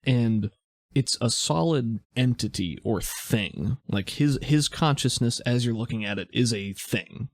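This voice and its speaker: A man narrating as game master of a tabletop role-playing game, measured and descriptive with frequent fillers. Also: medium pitch, expressive, dry recording, clean studio sound.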